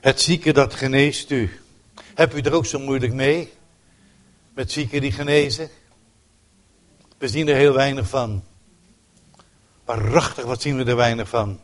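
An older man, a pastor delivering a sermon in an emotional, emphatic way with sudden loud outbursts. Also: mid-range voice, steady tone, a little slow, pauses often.

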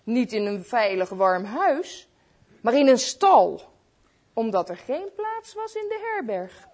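A woman reading a Christmas story aloud to children, slow and expressive, speaking to her listeners. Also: on the high side.

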